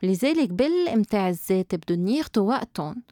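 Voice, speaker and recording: A woman's voice: mid-range voice, very animated, quick pace, dark tone, no room sound, studio quality. A woman with a Lebanese accent in a casual advice conversation, explaining things as a therapist co-host and dropping in English words. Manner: explanatory, mixing in some English and French loanwords. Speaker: sex therapist co-hosting an advice show.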